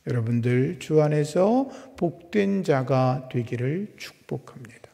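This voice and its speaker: High-voiced, gravelly Korean pastor preaching. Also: male voice, lively intonation, a little slow. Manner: swings between loud exhortation and hushed, trailing phrase endings. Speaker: senior pastor. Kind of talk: sermon at a Friday prayer service. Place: church sanctuary. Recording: church hall reverb.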